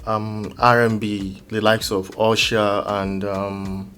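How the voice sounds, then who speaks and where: In an interview as a music producer, a man explains himself casually, feeling his way toward the right words and wandering around his points. He speaks slowly in a voice on the low side, fairly bright and level in tone.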